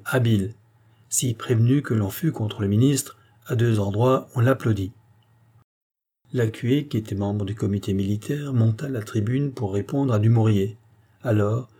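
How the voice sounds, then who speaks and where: Husky, mellow male audiobook narrator. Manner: measured storytelling, lifting pitch for quoted voices. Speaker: audiobook reader. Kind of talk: scripted narration of a classic novel.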